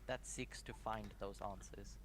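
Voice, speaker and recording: A young man from Zimbabwe leading a prayer and a Bible study, speaking in short measured phrases with pauses for an interpreter. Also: on the low side, steady tone. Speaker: guest Bible study presenter.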